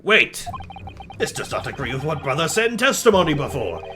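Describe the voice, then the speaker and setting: Streamer doing a stilted foreigner with phrasebook English, lively pitch. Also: fairly quick, music in the background, close to an everyday voice. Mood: indignant.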